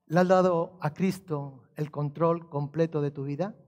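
A man's voice: a little high, steady tone, measured pace, darkish tone. A man preaching a sermon as pastor, telling a humorous story and asking the congregation rhetorical questions.

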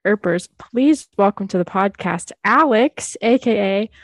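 A woman's voice: mid-range voice, expressive, unhurried, no room sound. A woman co-hosting a podcast, chatting casually with bubbly, gushing enthusiasm. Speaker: podcast co-host. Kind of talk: casual chat.

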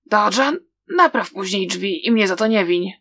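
A woman's voice: mid-range voice, lively intonation, unhurried, fairly bright tone, no room sound. A woman voicing a cheerful but ruthless young man who taunts breezily. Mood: mocking.

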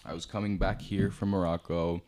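Easygoing male co-host, reactive listener, very low pitch. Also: level tone, fairly quick, darkish tone. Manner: laid-back, reactive listener. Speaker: podcast co-host. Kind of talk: casual podcast chat.

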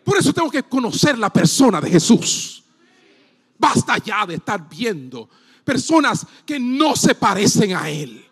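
Male pastor preaching, swoopy animated voice, takes his time, shouts the big points. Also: high-pitched, a little slow, slightly rough. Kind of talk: sermon with live demonstration. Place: church platform.

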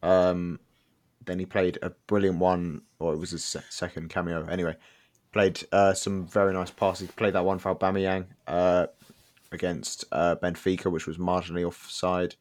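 A man's voice: low voice, little pitch movement, normal speed. A man co-hosting a podcast, blunt and joking, breaking down play in detail. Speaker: podcast co-host. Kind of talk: casual podcast chat.

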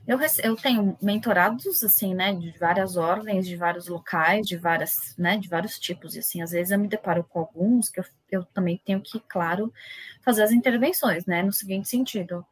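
Husky woman talking emphatically. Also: mid-range voice, moderate pace, dry recording. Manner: emphatic, lively storytelling. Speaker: lawyer guest. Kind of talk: casual podcast conversation.

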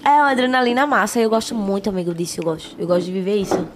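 An animated woman talks casually on a podcast. Her pitch sits in an ordinary middle range, and she leans hard into her words and laughs easily. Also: racing, background noise. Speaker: podcast guest.

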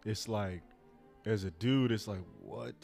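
A young man in a casual podcast chat, telling stories in a relaxed way. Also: on the low side, normal speed, faint music behind.

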